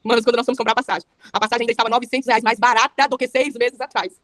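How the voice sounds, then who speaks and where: A woman's voice: fairly high pitch, fairly even intonation, rapid-fire, fairly bright tone, no echo. A young adult woman with a Brazilian Portuguese accent, giving a fervent testimony sermon with a repetitive preaching cadence.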